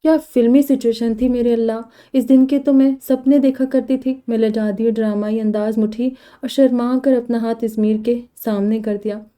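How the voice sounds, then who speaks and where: A woman reads a comedy novel aloud in first person, in a lively storytelling manner. Her voice is very dark and mellow, set a little high. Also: normal speed, hardly any pauses. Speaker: novel reader. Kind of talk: scripted audiobook narration of a comedy novel.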